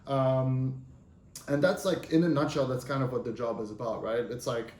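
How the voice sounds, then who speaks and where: A Lebanese man in his thirties, a native Arabic speaker, is an interview guest talking through his career. His voice is mid-pitched, steady and a little mellow at a normal speed, and his loose, conversational speech is full of fillers and restarts, with noticeable room echo.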